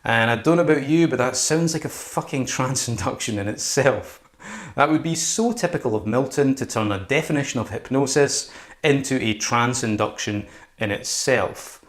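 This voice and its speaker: A man's voice: mid-range voice, moderate pace. A man giving an informal explanatory lesson as a hypnosis instructor, stretching and stressing key words.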